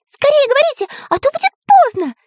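A woman doing a squeaky frightened little pencil. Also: big pitch swings, fairly quick, darkish tone, no echo, clean studio sound. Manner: squeaky, near tears. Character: small frightened boy pencil. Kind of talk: storybook reading.

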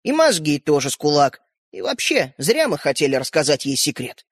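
A woman's voice: deep voice, very animated, normal speed, breathy edge, dry recording, pitched below the performer's own voice, heavily acted. A sly, cheeky little boy who teases his big sister, his voice hopping up and down, as a woman reading a storybook puts him on. Dry, close sound. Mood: teasing. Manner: teasing, sly.

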